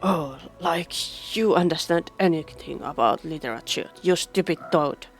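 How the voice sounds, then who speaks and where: A woman's voice: low-pitched, measured pace, faint music behind. A woman voicing a snide gnome in a video game who talks in a sneering way. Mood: scornful.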